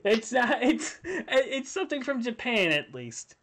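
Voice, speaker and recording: A man chatting on a casual podcast in an unhurried, drawn-out way, snarky and laughing often. His voice swings widely up and down as he jokes and curses. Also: very high-pitched, sing-song, a bit bright. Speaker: podcast co-host. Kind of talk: casual chat on a live stream.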